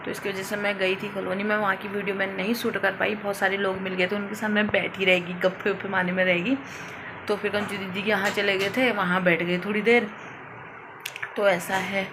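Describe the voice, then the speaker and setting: Gravelly-voiced woman vlogging at home. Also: mid-range voice, level tone. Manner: chatty, unhurried, talks to viewers as friends. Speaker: family vlogger, mother. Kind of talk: casual home vlog chat. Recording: noisy home ambience in background.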